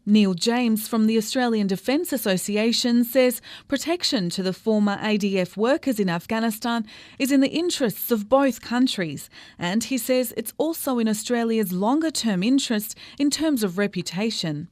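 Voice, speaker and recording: A woman reporter reading a scripted news report in a measured, even way. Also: a little high, dry recording.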